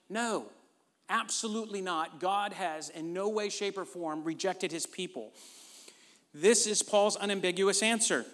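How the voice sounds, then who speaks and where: A man's voice: a little high, fairly bright tone. Man preaching in a reverberant hall. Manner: emphatic, conversational preaching with frequent "right?". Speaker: pastor. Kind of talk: sermon. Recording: long reverb of a large hall.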